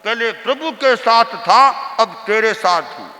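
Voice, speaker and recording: A man voicing a calm old male guru who speaks softly and without hurry. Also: sits high, slow, in a large hall, pitched above the performer's own voice, full character voice. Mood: serene.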